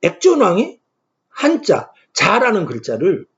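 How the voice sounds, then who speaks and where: A man's voice: high-pitched, wildly swooping pitch, a little slow, fairly bright tone. A man giving a lecture who asks himself questions and answers them with emphasis. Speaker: lecturer on ancient Korean poetry. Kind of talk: classroom-style lecture. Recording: dull lo-fi recording.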